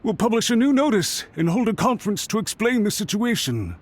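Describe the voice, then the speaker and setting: Brisk and very animated, this high male voice belongs to an actor cast as an anxious official in a studio game. He apologizes with deference and pleads for a second chance while music plays behind him.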